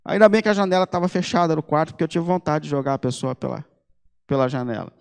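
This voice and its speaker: Brazilian pastor guy preaching in a church, high voice, chatty then forceful, echoey. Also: fairly even intonation, quick pace, vocal fry, clear, resonant tone. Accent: Brazilian Portuguese. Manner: emphatic, rising to forceful appeals; conversational with personal anecdotes. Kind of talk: sermon. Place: church hall.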